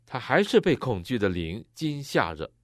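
A man interpreting a sermon phrase by phrase, matching the preacher's expressive delivery. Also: medium pitch, normal speed, no room sound, clean studio sound.

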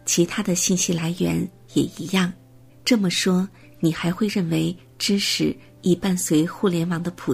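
Low, gravelly woman narrating a script. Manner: steady, measured reading of a prepared text.

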